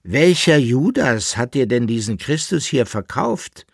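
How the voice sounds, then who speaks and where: Here is a brash, impudent servant who scolds his master in a high, shrill, cheeky voice, loud and pushy in every phrase, as a male reader puts him on. It sits close and dry, at a slow, dragging pace. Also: big pitch swings, vocal fry, breathy edge, no echo, heavily acted.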